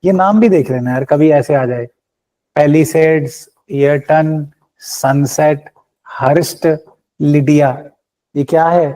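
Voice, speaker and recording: A man's voice: fairly high pitch, slow pace, dark tone. A man teaching a current-affairs class for exam students, mixing English phrases into his explanations and often checking in with rhetorical questions. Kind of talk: Hinglish current-affairs lecture.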